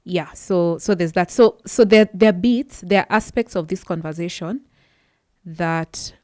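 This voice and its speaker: In studio quality with no room sound, a woman speaks a little slowly in a fairly low, warm voice. Appearing as a podcast guest, this psychology worker earnestly shares her own story. She restarts sentences frequently as she searches for what to say.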